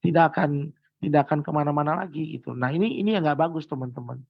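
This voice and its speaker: A man giving sales training on a video call, lively and acting out sales pitches with big changes in intonation. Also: fast, creaky, no echo. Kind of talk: online sales training talk. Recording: dull lo-fi video call audio.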